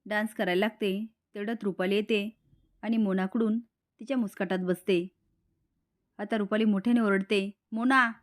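A woman retelling a TV serial episode, briskly quoting each character. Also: mid-range voice, steady tone, a little mellow.

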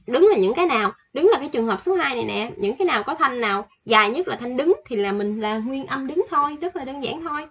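A woman teaching a casual online language lesson, chatty and repeating each example slowly with fillers. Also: high-pitched, lively intonation, fairly bright tone, slightly rough, muffled recording.

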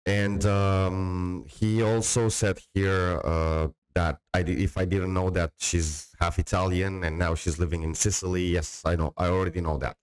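A man's voice: sits low, little pitch movement, measured pace, hardly any pauses, clear, resonant tone, poor audio. A middle-aged man hosting a reaction video, talking casually to camera and rambling with many restarts, close on a studio mic in a small dim room. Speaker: reaction channel host. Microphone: studio mic on a boom, close.

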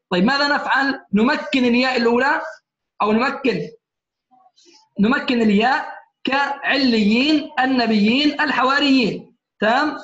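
High-voiced man teaching in echoey room. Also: fairly bright tone. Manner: patient, keeps checking "alright?" with students. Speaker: Quran recitation teacher. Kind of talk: classroom lecture. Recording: echoey room, muffled lo-fi sound.

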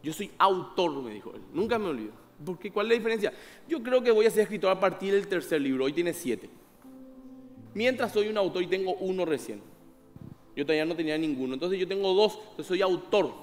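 A man with a high voice delivers a sermon in a chatty, personal style. He acts out little exchanges of dialogue and keeps asking his listeners questions. He sounds like he is in a hall with long reverb. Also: lively intonation, a little fast, faint music behind. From Paraguay. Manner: conversational preaching with rhetorical questions and acted-out dialogue. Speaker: pastor. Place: church hall.

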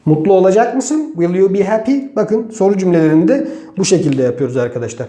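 A native Turkish-speaking man teaches English grammar at a slow, deliberate pace, breaking example sentences apart word by word. His voice sits high but sounds mellow and soft-edged. The recording rings with the echo of a bare room. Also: lively intonation. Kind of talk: online grammar lesson.

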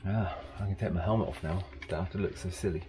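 On a windy seaside street, a man in his thirties on a cycle tour chats casually to an action camera held close to his face, rambling with restarts and small laughs. His deep voice is steady and quick, with loud wind and traffic noise around him.

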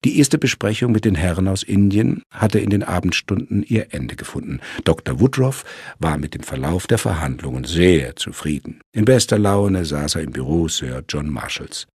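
A man narrating a crime audiobook in measured storytelling. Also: low-pitched, animated, a little mellow, breathy edge, no room sound, studio quality.

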